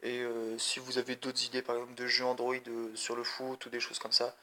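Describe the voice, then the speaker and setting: A man's voice: medium pitch, monotone, fairly quick, sharp tone, a little hiss or hum. A man giving casual, rambling commentary on a mobile football game and talking straight to his viewers. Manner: rambling, chatty, addresses viewers directly. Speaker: mobile gaming video creator.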